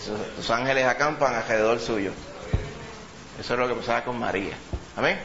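A man's voice: mid-range voice, brisk, muffled recording. A man preaching a sermon in a church, emphatic, repeating words and calling listeners brother. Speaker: pastor.

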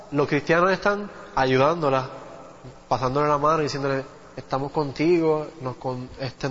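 A man preaching a sermon, teaching from the Bible in a conversational way and often turning to his listeners with questions. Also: a little high. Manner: conversational Bible teaching, asks the congregation "¿viste?". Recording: dull audio with long hall reverb.

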